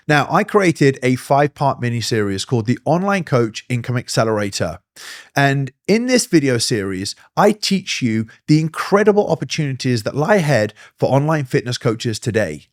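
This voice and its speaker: Male business coach, mid-range voice, direct and energetic, dry close-mic read. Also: mid-range voice, no echo. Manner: direct, energetic, role-plays DM messages in quick asides. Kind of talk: instructional talk to camera.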